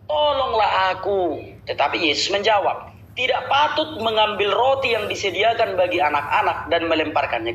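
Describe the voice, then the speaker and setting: A high-pitched man in an earnest religious debate reads scripture aloud and pleads his point over and over. The sound is dull and lo-fi, with faint ambience behind him. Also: fairly bright tone, a little hiss or hum. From Batak, Indonesia.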